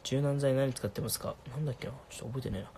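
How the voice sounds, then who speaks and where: A young man casually answering viewer questions on a livestream, laid-back and soft-spoken. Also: mid-range voice, very fast, a little hiss or hum.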